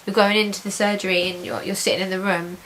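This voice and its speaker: In a fast, level, mid-range voice that's a bit bright, a woman chats informally to camera with a video diary update. Conversational, positive and reassured, she keeps repeating intensifiers; the hissy home recording has poor audio.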